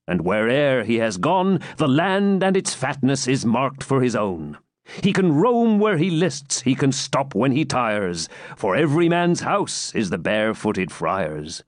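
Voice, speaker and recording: A man's voice: medium pitch, no echo, studio quality. A man reading the part of a jovial old hermit friar, in a hearty, mock-grave recitation.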